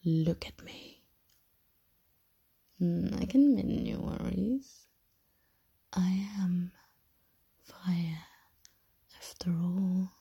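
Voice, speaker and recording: A seductive goddess of love and fire, voiced by a woman, speaks in an airy, breathy whisper. She draws out every word very slowly, with a gravelly edge and a deep, dark softness. Her hushed, teasing voice stays close and intimate, with a threat beneath it. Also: exaggerated voice. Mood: soothing. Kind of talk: whispered ASMR roleplay.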